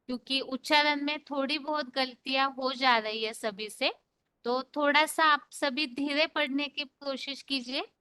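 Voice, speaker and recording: A woman teaching an online scripture class, patiently explaining verses and reciting them slowly. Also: high-pitched, bright, forceful tone, no room sound.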